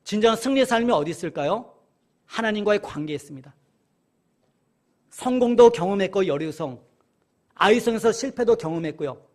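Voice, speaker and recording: A man teaching a Bible study sermon. He keeps asking his listeners questions and answering them, and he reads scripture passages slowly and more loudly. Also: high voice, expressive. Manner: addresses listeners often, asks and answers questions.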